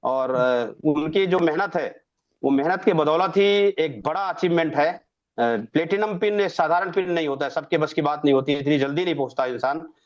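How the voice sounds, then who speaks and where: Guy hosting a zoom award event, kinda high voice, big formal intros, muffled call audio. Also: moderate pace. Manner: effusive, ceremonial introductions. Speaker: webinar host. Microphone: video call.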